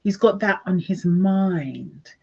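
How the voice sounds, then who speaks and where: A woman's voice: fairly low pitch, takes it slowly, vocal fry, a little mellow, slightly rough. A woman giving a casual, chatty tarot reading with political commentary, rambling and often breaking into giggles. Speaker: tarot reader. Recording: dull lo-fi recording.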